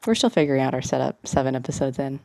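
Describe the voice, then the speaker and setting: A woman from California co-hosting a podcast with a low, deep-set voice. She chats loosely and hedges her points, full of "like" and "I think". The recording is dry and close. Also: expressive, very fast, gravelly, mellow, dry recording. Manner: chatty, hedging, lots of "like" and "I think". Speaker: podcast co-host. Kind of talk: casual chat.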